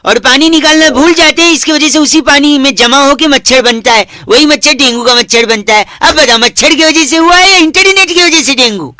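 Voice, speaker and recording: ऊँची आवाज़ वाला प्रैंक कॉलर आदमी. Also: male voice, very high voice, brisk, hardly any pauses, sharp tone. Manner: mock-earnest, lecturing absurd logic; answers only with hums to provoke. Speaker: prank caller. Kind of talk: prank phone call.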